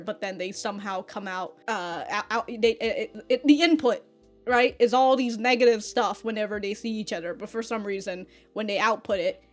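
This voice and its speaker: Reviewing an episode as a reaction host, this woman keeps things casual with slang, swearing, feigned outrage, and plenty of laughing. Her voice is medium in pitch.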